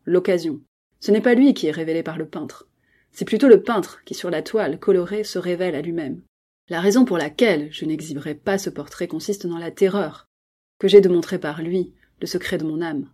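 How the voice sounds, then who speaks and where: A woman reading the part of a secretive, earnest male painter in a soft, hushed voice. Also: on the low side, a little fast, breathy edge.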